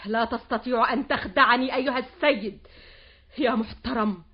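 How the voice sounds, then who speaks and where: A woman's voice: fairly high pitch, a little fast, natural voice. An actress playing a stern, suspicious older mother-in-law who accuses and commands in an old radio drama. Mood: indignant. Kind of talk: 1960s-era Arabic radio drama acting. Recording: dull lo-fi old radio recording.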